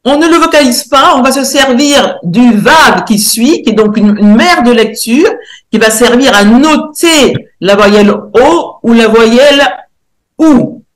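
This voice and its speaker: A woman researcher giving a lecture presentation, pausing often to search for words and spelling out sounds slowly and carefully. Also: on the high side, animated, roomy sound. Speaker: researcher and theologian presenting a decoding.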